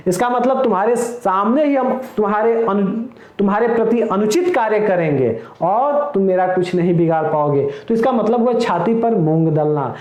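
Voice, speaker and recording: A man's voice: high-pitched, a little mellow, reverberant. A man teaching an exam-prep lesson, explaining each idiom with everyday example sentences and calling his viewers friends. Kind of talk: recorded lecture.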